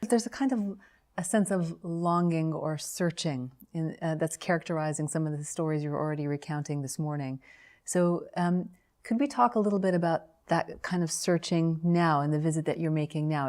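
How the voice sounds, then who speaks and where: A woman with a low-pitched voice opens an academic interview. She reads titles and names in a formal, measured way. Then she asks her guest questions with steady care. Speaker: interviewer, professor.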